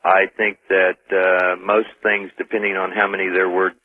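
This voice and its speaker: A man's voice: low-pitched, flat delivery, normal speed, dry recording. A man calling into a late-night radio show, chatty and rambling with many fillers. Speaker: caller. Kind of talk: rambling call-in radio chat. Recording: dry, tinny phone line.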